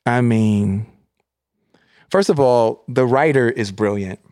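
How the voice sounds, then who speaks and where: A man interviewing an actress, admiring and a little halting as he searches for words. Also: medium pitch, a little mellow, no room sound, clean studio sound. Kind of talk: casual interview chat.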